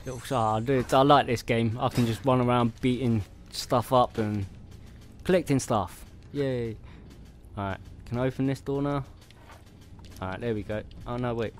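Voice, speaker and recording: A man gives relaxed commentary while he plays a game. His voice sits at a middle pitch, and he chats, laughs and mutters to himself as he goes. Quiet game music plays underneath. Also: moderate pace. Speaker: gamer playing solo. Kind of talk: casual gameplay commentary. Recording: game music playing faintly behind. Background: faint game music.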